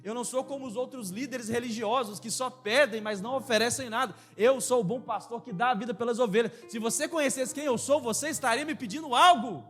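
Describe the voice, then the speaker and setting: A preacher speaking as a gentle, humble Jesus, in a softer, lowered voice. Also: male voice, a little fast, few pauses, faint music behind. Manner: soft and lowered, calm. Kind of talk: acted quote within a sermon.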